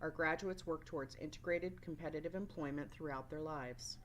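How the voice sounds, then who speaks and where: A woman teacher from a work-based learning resource delivers a scripted training presentation as a voice-over, explaining and instructing. Her voice is low and her speed normal, with slight background noise.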